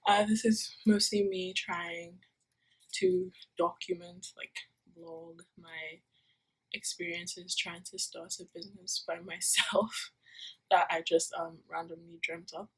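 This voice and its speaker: Recorded roughly on a phone stuck to her bedroom wall, a young Nigerian university student talks slowly in a low, husky voice with a steady tone. Her casual vlog wanders, packed with fillers and self-corrections.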